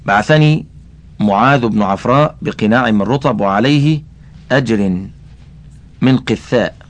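At a normal speed and fairly low pitch, a man narrates a classical religious text for an audiobook. He speaks to the listener directly, adding commentary and precisely spelling out how names are voweled.

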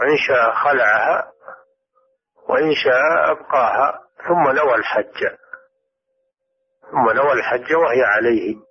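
A man, a scholar, calmly answering listeners' religious questions on a radio program. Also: medium pitch. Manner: calm, explanatory. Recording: dull radio recording.

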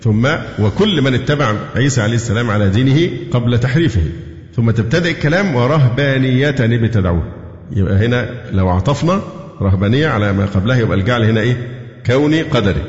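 A man with an Egyptian accent teaches a tafsir lesson in a middle-pitched voice, reciting verses slowly and pausing to quiz his listeners with fill-in questions. The sound is dull and muffled, with a long hall reverb trailing each phrase. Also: expressive. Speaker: Quran teacher. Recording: dull echoey hall recording.

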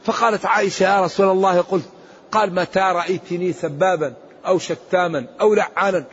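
A man's voice: sits high, steady tone, fast. A man giving a Quran commentary lesson as a religious scholar, emphatic and rising sharply when he recites verses. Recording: dull lo-fi recording with faint hiss.

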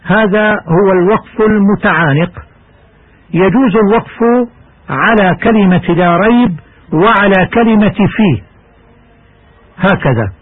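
A high-pitched, husky man gives a measured, formal lesson on Quran recitation. It is a dry, phone-like radio broadcast with a narrow, tinny sound. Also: no room sound. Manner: measured, formal instructional delivery. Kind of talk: scripted lesson narration.

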